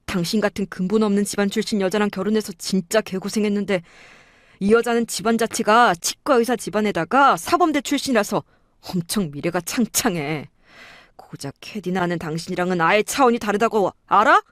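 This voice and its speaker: A woman's voice: mid-range voice, a little fast, dry recording, clean studio sound, close to an everyday voice. A woman voicing an arrogant, contemptuous cheating husband in a dramatized story, sneering and boastful.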